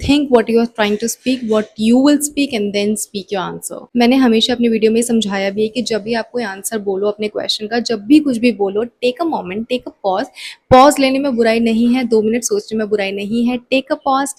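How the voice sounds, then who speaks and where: Young Indian woman, lively cabin-crew tutor; slightly high voice, unhurried, stressed delivery. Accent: Indian English. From Delhi, India. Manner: energetic, emphatic, switches often between English and Hindi. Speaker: English teacher and cabin crew member. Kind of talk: bilingual spoken-English lesson.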